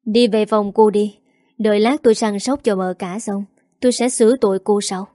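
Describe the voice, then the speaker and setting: Woman reading the part of a young husband in a storybook tale, soft-spoken and devoted, with a mellow, warm tone and a dry, close sound. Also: mid-range voice, steady tone, moderate pace, no echo, lightly acted. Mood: stern. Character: young husband of a rich household, tender and grieving.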